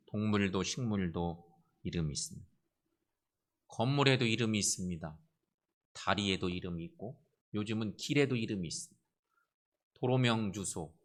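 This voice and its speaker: A man's voice: fairly low pitch, fairly bright tone. A man preaching a sermon as pastor, earnest, repeating key phrases and turning to the congregation with direct questions.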